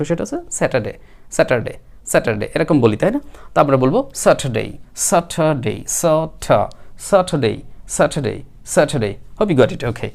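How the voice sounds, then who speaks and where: A male teacher giving a spoken English lesson, who patiently repeats words slowly for learners. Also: on the high side, darkish tone.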